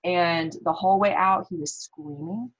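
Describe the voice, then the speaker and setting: A woman's voice: fairly low pitch, normal speed, low-quality recording. A woman from the American Midwest, a podcast guest, talking casually and telling stories with quoted thoughts. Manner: animated storytelling with quoted thoughts. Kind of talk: casual conversation.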